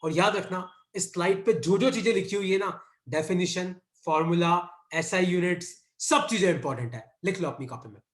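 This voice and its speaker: A man's voice: sits high, a little fast, hardly any pauses, fairly bright tone, echoey room. A man teaching a physics class online in Hindi mixed with English terms, repeatedly telling students to copy notes. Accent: Indian. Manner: repeats dictation cues, mixes Hindi and English.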